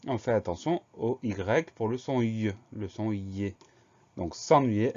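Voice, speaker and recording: A man gives a spelling dictation lesson in a steady, methodical way, breaking each word into syllables and letters. His voice sits in an ordinary middle register. The recording is a little dull and lo-fi. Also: medium pitch. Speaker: teacher.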